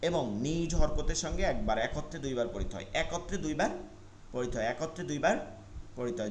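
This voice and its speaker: A man teaching an online Quran reading class, patiently repeating rules and spelling letters out slowly. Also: fairly high pitch, echoey room, slight background noise.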